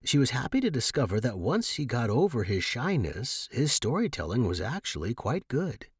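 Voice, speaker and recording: A man narrating a short story in a measured voice, doing all the figures himself. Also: medium pitch, big pitch swings, breathy edge, no room sound, clean studio sound. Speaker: audiobook narrator. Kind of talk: scripted narration.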